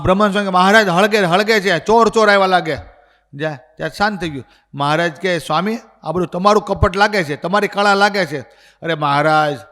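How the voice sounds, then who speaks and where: Man, Gujarati accent, sermon storytelling, lively acted dialogue, slightly high voice, long hall echo. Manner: animated storyteller acting out dialogue. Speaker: swami giving a religious discourse.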